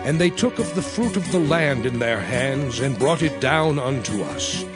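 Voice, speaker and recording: An actor playing Moses as a solemn leader, narrating dramatized scripture in a measured, declamatory way. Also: male voice, mid-range voice, lively intonation, lightly acted. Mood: solemn recounting. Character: Moses, solemn elder leader addressing his people. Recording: music behind the voice.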